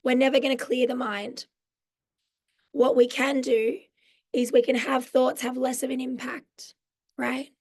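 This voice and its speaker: This Australian woman in her forties, a mental health social worker, is presenting a live online mindfulness workshop through a video call while hoarse and croaky from losing her voice. She explains things in a friendly way, filling gaps with "um." Her pitch sits high and barely moves, her tone is darkish, and she speaks a little slowly with long pauses.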